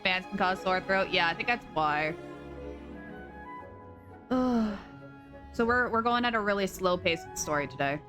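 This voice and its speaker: On a live stream with music in the background, a young woman talks excitedly and casually despite a sore throat. She speaks at medium pitch and moderate speed with frequent pauses, coming across as scatterbrained and full of gasps.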